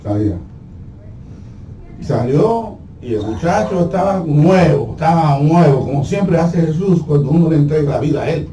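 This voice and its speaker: Pastor preaching in an echoey church. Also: male voice, fairly high pitch, lively intonation, moderate pace, mellow, far from the mic. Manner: storytelling with humor, acting out voices. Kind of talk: sermon. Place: church sanctuary. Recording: echoey hall from afar, faint noise.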